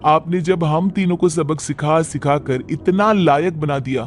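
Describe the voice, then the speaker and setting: A man's voice: on the high side, unhurried, soft background music, natural voice. A man voicing an exasperated young wife. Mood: annoyed. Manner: complaining, exasperated. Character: fed-up working young wife, daughter.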